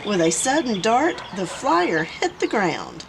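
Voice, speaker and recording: A woman reading a children's picture book aloud in an expressive way. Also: medium pitch, a little slow, creaky, background noise. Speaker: children's story reader.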